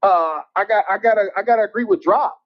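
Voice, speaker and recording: Guy calling in on what sounds like speakerphone, dull lo-fi line, fairly high voice, blunt and stop-start. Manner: blunt and opinionated, with halting restarts. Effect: phone call that sounds like it is on speakerphone. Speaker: caller. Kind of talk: casual call-in chat. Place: parking garage.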